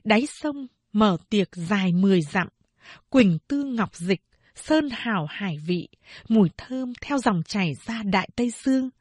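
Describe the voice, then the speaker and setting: A woman narrating a novel in a measured, expressive storytelling voice. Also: medium pitch, no room sound, clean studio sound. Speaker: audiobook narrator.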